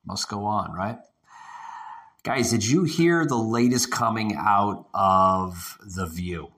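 Man, very low voice, echoing room sound, podcast host, rambling, repeats himself, casual swearing. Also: takes it slowly, a bit bright. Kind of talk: casual ranting podcast monologue. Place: echoey room not normally used for podcasting. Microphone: home podcast setup over internet connection.

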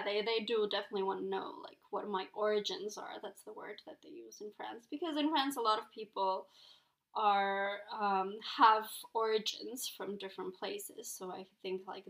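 Her medium-pitched voice is fairly bright, with vocal fry and rather even intonation, at a normal speed. She is a young Ecuadorian guest, Spanish by first language, reflecting carefully in a casual interview and using lots of fillers such as "um" and "like."

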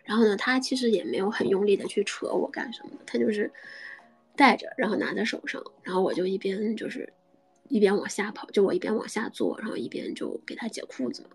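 A woman host telling a personal story in a soft, halting way, often dropping into a whisper. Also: mid-range voice, gravelly, breathy edge, soft background music, low-quality recording. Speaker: podcast host. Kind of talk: intimate storytelling.

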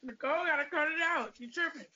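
Bright voiced woman just chatting on a podcast, bit lo-fi. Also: sits high, fast. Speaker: podcast co-host. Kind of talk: casual chat. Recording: dull, lo-fi audio.

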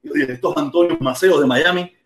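A man's voice: on the high side, brisk, roomy sound. A young man from Havana with a Cuban Spanish accent, hosting a live podcast and telling a story in casual chat, acting out both sides of an argument. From Cuba. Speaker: podcast host.

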